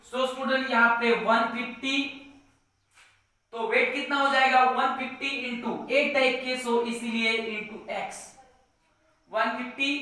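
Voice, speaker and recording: High-voiced man teaching math. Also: bright, forceful tone. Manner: slow, repeats words while writing, keeps saying "student". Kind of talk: board-work math lesson. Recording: echoey room.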